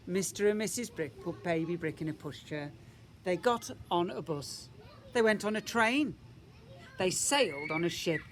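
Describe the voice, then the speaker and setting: A man with a high-sitting, fairly bright voice reads a picture book to young children as their teacher. He tells the story with animation and emphasis, adding rhetorical questions and asides, over slight background noise.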